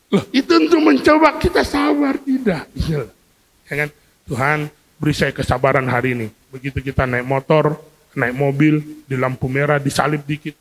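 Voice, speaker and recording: A man preaching a sermon to a congregation, lively and questioning, acting out everyday scenes to make his point. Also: a little high, moderate pace. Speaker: pastor. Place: church hall. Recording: long hall reverb from a church.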